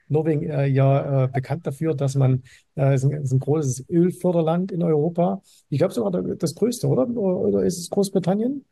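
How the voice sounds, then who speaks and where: A man hosting a podcast interview in a casual, halting way, with many fillers and restarts. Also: on the high side, gravelly, dark tone, husky, no echo, clean studio sound. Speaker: podcast host. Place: Dubai.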